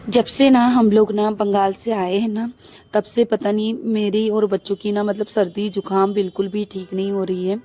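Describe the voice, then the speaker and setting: A young woman vlogger, a housewife and mother, chatting casually on her rooftop with a hoarse, husky voice from a cold, rambling with many fillers. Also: medium pitch, little pitch movement, moderate pace, dark tone, no room sound. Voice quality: thick, husky voice. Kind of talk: casual vlog chat. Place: rooftop outdoors.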